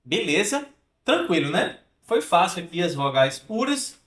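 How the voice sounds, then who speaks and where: A man's voice: high voice, very animated, fairly bright tone, roomy sound. A man teaching French pronunciation, drilling sounds and checking in with "né?" and "tá?". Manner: explanatory, drills sounds slowly, frequent "né?" and "tá?" check-ins. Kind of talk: online pronunciation lesson.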